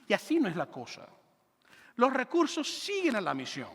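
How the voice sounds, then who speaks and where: A man pastor preaching a lively, joking sermon into a handheld microphone in a church auditorium. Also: very high voice, normal speed, slightly rough, big-room sound.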